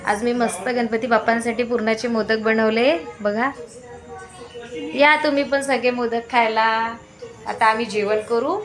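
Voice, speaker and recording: A woman's voice: on the high side, fairly even intonation, unhurried, music in the background. A woman in her thirties filming a casual family vlog at home, chatting to viewers and coaxing a small child. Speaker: family vlogger.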